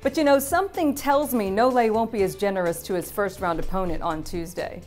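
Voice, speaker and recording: A woman's voice: medium pitch, brisk, a little mellow, faint music behind. Polished woman reading sports news. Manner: upbeat, polished read with light quips. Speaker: news presenter. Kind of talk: scripted sports news narration.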